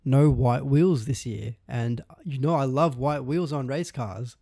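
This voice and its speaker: A man's voice: mid-range voice, a little slow, dark tone, no room sound, clean studio sound. An Australian man co-hosting a podcast, chatting casually in a jokey, upbeat way. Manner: jokey, upbeat, often starts with "look". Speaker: podcast co-host. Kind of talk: casual chat.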